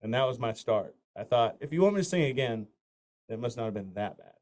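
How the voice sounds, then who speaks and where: Expressive and slightly quick, this north Florida country singer talks casually in an interview, telling rambling stories riddled with fillers and restarts. His medium-pitched voice has a slightly mellow quality.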